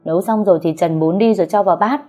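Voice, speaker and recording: A woman's voice: lowish voice, rapid-fire, darkish tone, soft background music, lightly acted. A woman voicing a harsh, scolding middle-aged mother-in-law in an audio story. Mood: commanding. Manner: scolding and commanding.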